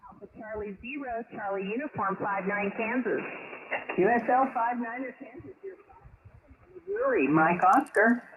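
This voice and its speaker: A woman's voice: fairly high pitch, very animated, moderate pace, roomy sound. A woman heard over a slightly mistuned ham radio, reading out call signs in the phonetic alphabet. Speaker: ham radio operator in a contact. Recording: noisy, tinny shortwave radio.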